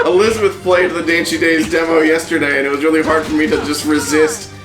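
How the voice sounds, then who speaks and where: A man with a fairly high voice, chatting and playing through a game in a laid-back way. His talk rings off an echoey room, with faint game music playing underneath. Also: steady tone, quick pace. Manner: laid-back, swears, laughs often, exclaims while playing. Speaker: let's play co-host. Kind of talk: casual gaming chat.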